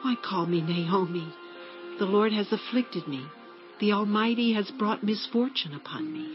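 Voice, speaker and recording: A woman playing a grieving, bitter older widowed mother-in-law in a dramatized scripture reading, speaking with slow, sorrowful emphasis. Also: medium pitch, natural voice. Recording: dull lo-fi audio with music bed.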